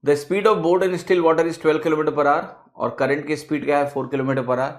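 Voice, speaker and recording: A man's voice: on the high side, steady tone, a little slow. A man teaching math in a classroom lecture, explaining step by step and checking with his students, with English phrases mixed into his talk. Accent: Indian. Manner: mixes English phrases into Hindi.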